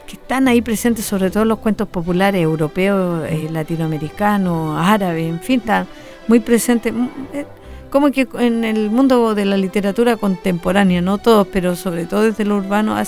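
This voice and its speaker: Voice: mid-range voice, a little fast, vocal fry, a little mellow, soft background music. A radio host chatting with a guest and introducing a story. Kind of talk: radio interview.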